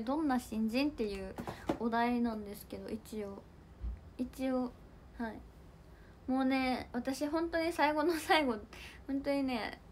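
Bubbly high-voiced young woman. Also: a little hiss or hum. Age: young adult. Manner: bubbly, giggly, chatty, reacting to comments. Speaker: idol livestream host. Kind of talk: casual livestream chat reading comments.

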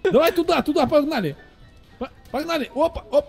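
A man in casual gameplay chat, reacting in an animated, slangy, giggly way to the action. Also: very high-pitched, brisk, soft background music. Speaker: gamer playing alongside a friend.

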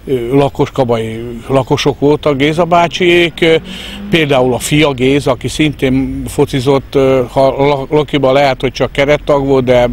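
A middle-aged man speaks in an interview with a mid-pitched voice and a halting delivery. He is outdoors in a park on a handheld mic, with faint background noise. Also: steady tone. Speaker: fan club organiser, interviewee. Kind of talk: interview talk. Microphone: handheld reporter microphone.

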